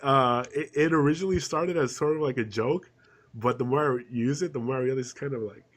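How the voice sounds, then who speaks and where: A man with a stuffed-up voice from a cold chats loosely as a podcast co-host. His throat is a little hoarse. He rambles through fillers and restarts in relaxed back-and-forth talk. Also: medium pitch, a little fast. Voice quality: throat kinda hurts, slightly hoarse. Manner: rambling, many restarts and fillers, laughs often. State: congested with a cold. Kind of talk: casual chat.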